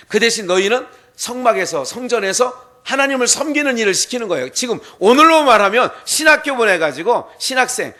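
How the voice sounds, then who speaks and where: A male pastor preaching a sermon in a church, telling a folk tale in an animated way and asking the congregation questions. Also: high-pitched. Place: church sanctuary.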